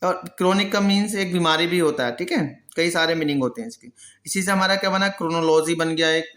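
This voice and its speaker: A man's voice: fairly high pitch, a bit bright. Man drilling pronunciation in an echoey room. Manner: explains patiently, asks and answers his own questions; repeats each word slowly for drilling. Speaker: English pronunciation teacher. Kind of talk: Hindi-language vocabulary lesson.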